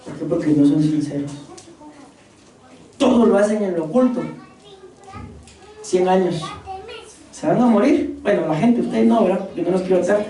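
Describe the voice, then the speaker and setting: A woman's voice: on the low side, lively intonation, moderate pace, pauses often, warm tone. A woman preaching a sermon, firing rhetorical questions and calling the congregation her beloved brothers. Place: church hall. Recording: echoey hall, voice from far off.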